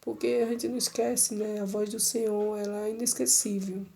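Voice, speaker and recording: A woman's voice: mid-range voice, little pitch movement, normal speed, gravelly, mellow. A middle-aged woman giving an emotional personal church testimony, repeating herself and addressing listeners tenderly.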